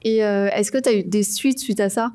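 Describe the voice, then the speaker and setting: A woman hosting an interview, asking questions in a halting way with fillers and often murmuring agreement. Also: mid-range voice, warm tone. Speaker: interview host. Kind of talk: casual interview chat.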